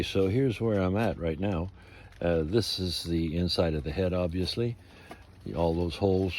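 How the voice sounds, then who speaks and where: Low-voiced older man, unhurried and informal. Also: a little mellow. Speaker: ventriloquist and puppet carver. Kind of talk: informal demonstration vlog. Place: outdoor canopy tent used as carving workshop.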